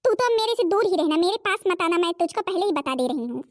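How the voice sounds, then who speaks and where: A woman's voice: high-pitched, fairly even intonation, brisk, natural voice. A woman voicing a scheming older mother who stirs trouble in her daughter's in-laws' home, scolding and sneering in a Hindi cartoon. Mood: accusing.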